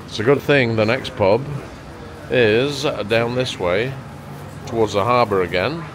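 Holding the camera at arm's length, a travel vlogger in his forties strolls from pub to pub, indoors and out on town streets, pointing things out in cheerful, casual talk. His mid-range voice moves a little slowly over background noise.

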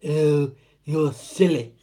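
A man's voice: on the high side, takes it slowly, dark tone. A British man hosting a live stream in a casual, joking way, often laughing as he chats. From United Kingdom. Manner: jokey and joshing, laughing often. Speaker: host.

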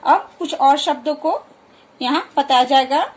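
Woman teacher, high voice, patient and repetitive, for a children's alphabet lesson. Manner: patient, repeats words slowly for practice. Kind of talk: explaining a Hindi alphabet lesson.

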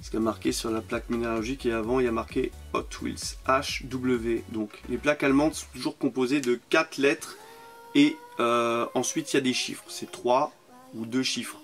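A man's voice: mid-range voice, steady tone, normal speed, faint music behind. A man with a French accent giving casual, enthusiastic commentary on toy cars from his collection, often repeating words for emphasis. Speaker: toy car collector vlogger.

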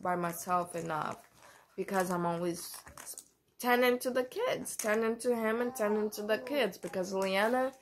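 A young woman vlogging about motherhood in a casual, candid way, with many fillers and pauses. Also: mid-range voice, a little hiss or hum. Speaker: mom vlogger. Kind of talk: casual vlog talk.

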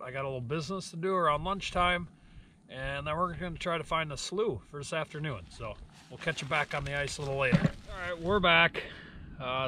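A man's voice: on the high side, low-quality recording. A man in his thirties casually narrating to an action camera while ice fishing outdoors on a frozen river slough. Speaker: fishing vlogger. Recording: loud wind noise outdoors.

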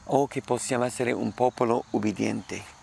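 Gravelly man preaching with conviction. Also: medium pitch, steady tone, moderate pace, a little mellow, slight background noise. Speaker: pastor. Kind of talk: sermon, Bible exposition.

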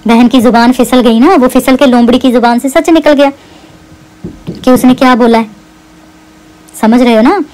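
A woman rants straight to camera. She taunts and mocks, hammering the same jabs again and again. Her delivery stays sharp and scornful throughout. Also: sits high, rough recording. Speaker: YouTuber responding to a rival. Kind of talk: heated rant to camera.

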